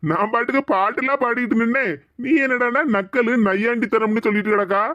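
A performer voicing a teasing cartoon father with a Tirunelveli Tamil accent. The voice is bright and sharp, recorded dry and close. He argues stubbornly and mocks the others. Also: medium pitch, steady tone, no echo, muffled recording, lightly acted. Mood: argumentative. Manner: mocking, sings in a drawn-out way, argumentative. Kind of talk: animated comedy sketch voice acting.

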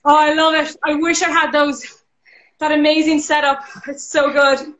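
A woman with an Irish accent leading a live workout class over a video call, energetic, counting down reps and cheering people on. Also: high voice, moderate pace, echoey room, a little hiss or hum, rough recording. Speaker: fitness instructor.

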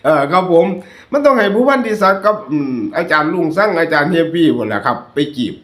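A man's voice: high-pitched, huge pitch swings, quick pace, fairly bright tone. Chatty Isan-accented man in a roomy echo. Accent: Northeastern Thai (Isan). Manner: chatty, joking, addresses viewers as brothers and sisters. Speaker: YouTube channel host. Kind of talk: casual commentary over photos.

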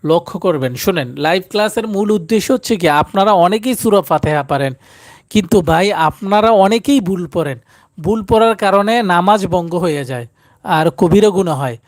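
A man's voice: high voice, no room sound, clean studio sound. A man teaching Quran recitation in a live stream, often pleading with viewers to like and share.

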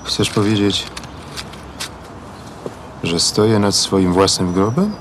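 An actor in his thirties playing an evasive, deadpan husband in a film drama. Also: fairly low pitch, slow pace. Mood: baffled. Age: 30s. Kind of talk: understated film acting. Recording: faint background noise.

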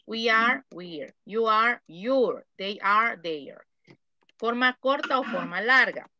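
Slow, bright-voiced woman teaching. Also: on the high side, animated, highs cut off. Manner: slow, careful, repeats phrases for students. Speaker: English teacher. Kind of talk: online class explaining grammar.

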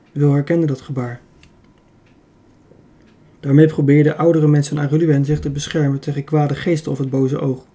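A man narrating a children's adventure audiobook in a steady, even reading. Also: a little high. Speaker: audiobook reader. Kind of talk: storybook narration.

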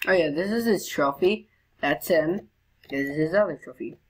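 A woman giving chatty let's play commentary while gaming, now and then breaking into high excited squeals. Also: normal speed, slightly rough. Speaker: gamer.

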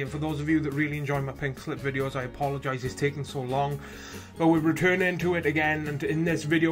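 Excitable Welsh man commentating his gameplay. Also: on the high side. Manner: excitable, swings from chatty to shouting at the game; casual mild swearing. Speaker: gaming video host.

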